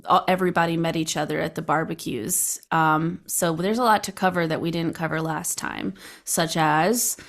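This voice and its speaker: A woman's voice: sits low, steady tone, moderate pace, gravelly, hardly any pauses. Blunt, giggly woman podcast co-host. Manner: blunt, swearing, self-mocking and giggly. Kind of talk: casual chat. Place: home with dogs. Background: dogs barking.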